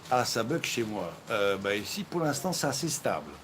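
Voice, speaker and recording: Jokey low-voiced man streaming live. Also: very animated, moderate pace, fairly bright tone. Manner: jokey, rambling, with many fillers and restarts. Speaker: live-stream cooking host. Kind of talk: casual live-stream chat, greeting viewers from the chat. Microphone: phone streaming over 4G. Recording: noisy background ambience.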